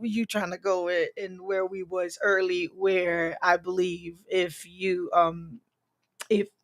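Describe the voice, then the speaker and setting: A woman's voice: fairly low pitch, level tone, slow pace. Brazilian-accented woman, earnest talk. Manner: earnest, repeats and restarts words. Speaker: guest. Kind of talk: casual podcast chat.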